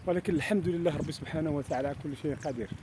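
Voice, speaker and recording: A Moroccan man talks casually to his vlog audience out in the countryside. His voice sits a little high and moves quickly, full of repeated, admiring exclamations. The recording is heavily covered by outdoor noise and wind. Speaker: cycling vlogger. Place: outdoors in the countryside while cycling.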